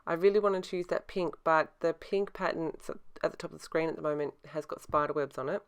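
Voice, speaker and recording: A middle-aged woman narrates a craft process in a low, very smooth and clear voice. She speaks casually, with a slight lisp from her braces and a mouth that is a little sore. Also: quick pace. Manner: talks with a sore mouth from newly adjusted braces. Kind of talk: casual craft tutorial voice-over.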